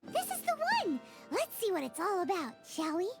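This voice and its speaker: A woman's voice: very high voice, wildly swooping pitch, normal speed, gravelly, heavily acted. A woman voicing a tiny, bubbly fairy companion girl who talks of herself in the third person, in a video game cutscene. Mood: excited. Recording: game soundtrack music behind.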